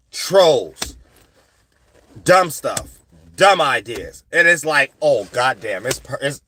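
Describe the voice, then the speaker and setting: A man's voice: on the high side, bright, forceful tone, slight background noise. A man giving a casual spiritual lecture to his viewers in a slangy, rambling, preachy way, often asking "you know what I'm saying". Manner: slangy conversational delivery. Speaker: spiritual astrology channel host.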